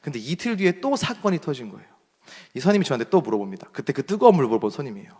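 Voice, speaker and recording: Animated young pastor in a reverberant church. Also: male voice, mid-range voice, racing, breathy edge. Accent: Seoul standard Korean. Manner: animated storyteller acting out shouted quotes. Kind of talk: sermon with storytelling. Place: church hall. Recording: long reverb of a church hall.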